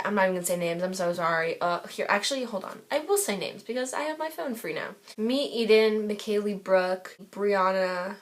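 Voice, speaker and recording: A teenage girl telling a storytime vlog in a rambling, gushing way, with lots of fillers and restarts, recorded on a tablet. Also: mid-range voice. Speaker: vlogger. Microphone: tablet camera.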